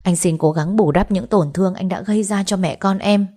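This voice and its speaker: A woman's voice: medium pitch, brisk, dark tone, lightly acted. A woman reading the part of a remorseful husband who earnestly pleads for his wife's forgiveness. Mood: pleading.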